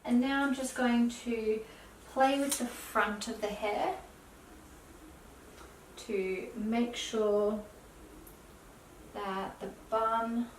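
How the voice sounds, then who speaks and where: Slow, soft-spoken woman demonstrating hairstyles. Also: on the high side, fairly even intonation. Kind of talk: hair tutorial narration. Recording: roomy, from a distance, faint hiss.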